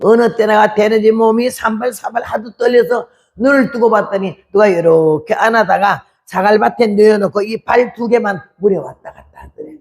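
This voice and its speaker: A woman in her eighties, a missionary preacher giving her life testimony in a lively storytelling way, acting out what her family said. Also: medium pitch, normal speed. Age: 80s. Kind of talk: testimony sermon.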